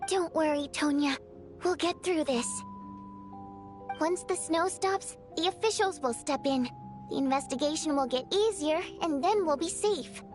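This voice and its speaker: A woman playing a spirited, cheerful young female water imp singer in a video game, expressive, theatrical and easily flustered. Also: high-pitched, unhurried, music in the background. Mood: cheerful, reassuring. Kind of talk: animated game voice acting.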